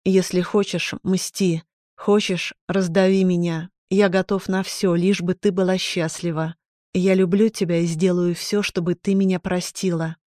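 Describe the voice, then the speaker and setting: A woman reading the lines of a remorseful, devoted young man in an audiobook, speaking quietly and earnestly. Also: lowish voice, level tone, measured pace, no room sound, studio quality, natural voice. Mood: tender, remorseful.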